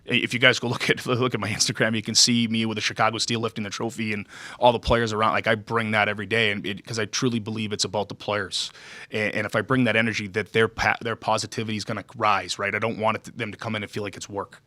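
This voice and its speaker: A man with a low, bright and forceful voice gives press conference answers, recorded close and dry. He is earnest and emphatic, restarting phrases and checking in with his listeners. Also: level tone, fast talker, dry recording. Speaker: hockey skills development coach.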